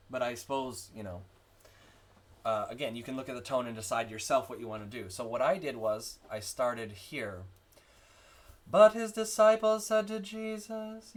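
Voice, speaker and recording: A man explaining how to chant readings, talking with many fillers and restarts while walking through his marked-up text. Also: mid-range voice. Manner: breaks into sung chant examples. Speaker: church music instructor. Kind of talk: screen-share chant tutorial.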